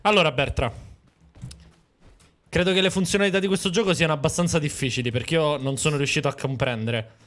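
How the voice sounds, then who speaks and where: A man hosting a live gaming stream, making deadpan absurd jokes and breaking into loud excited yelling while he plays. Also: on the high side, fast talker. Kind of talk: casual gaming chat on a livestream.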